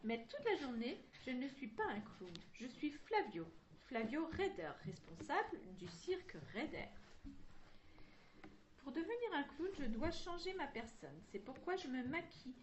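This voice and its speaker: A woman reads a chapter of a children's novel aloud at a measured pace, her high voice swinging widely in pitch. She takes each character's lines in turn but uses the same voice for all of them, with occasional slips and restarts. The audio is dull, with slight background noise.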